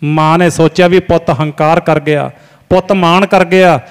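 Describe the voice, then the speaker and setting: A man's voice: a little high, fairly even intonation, moderate pace, clean tone. A man preaching an earnest devotional sermon and singing a refrain. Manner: earnest, exhortative. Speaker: Sikh preacher. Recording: long hall reverb, faint music.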